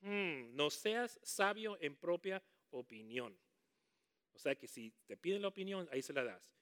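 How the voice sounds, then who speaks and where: A man preaching a sermon, animated and calling on the congregation to repeat words after him, with jokey asides. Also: a little high, measured pace. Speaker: pastor.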